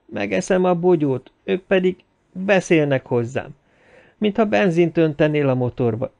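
Egy férfi, aki egy nyugodt, révült férfit szólaltat meg, aki a szellemekkel beszél. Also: male voice, fairly high pitch, animated, creaky, a little mellow, voice pushed up. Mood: dazed. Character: calm, dazed man speaking with spirits.

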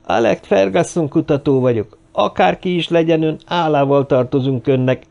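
A man's voice: on the high side, creaky, a little mellow, highs cut off, voice pushed up. A man voicing a frightened, earnest male researcher in an audiobook, speaking anxiously.

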